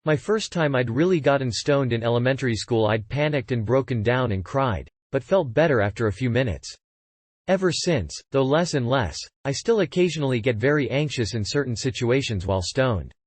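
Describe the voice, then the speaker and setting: A man's voice: medium pitch, no room sound. A man reading a scripted first-person story in descriptive, literary phrasing. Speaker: storyteller recounting a personal experience.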